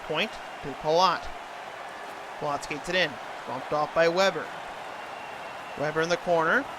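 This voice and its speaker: A man's voice: fairly high pitch, background noise. A man doing hockey play-by-play commentary in an imitation of a TV sports announcer.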